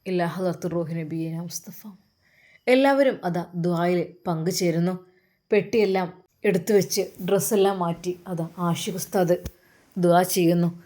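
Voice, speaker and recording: A woman tells an emotional family story in an earnest, steady way. She opens with a religious greeting and narrates at an even pace. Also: lowish voice, moderate pace.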